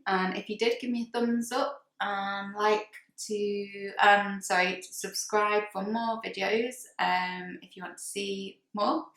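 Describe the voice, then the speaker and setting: A woman's voice: medium pitch, fairly bright tone, roomy sound, rough recording. Chatty woman sewing vlogger. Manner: chatty, hesitant, lots of ums and restarts. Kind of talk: casual chat to camera.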